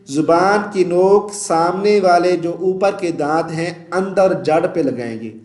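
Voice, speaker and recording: High-pitched guy, pakistani urdu accent, teaching quran reciting, explains then chants slow, echoey room. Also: darkish tone. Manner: explains mistakes plainly, then chants verses slowly and drawn out. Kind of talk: recitation lesson.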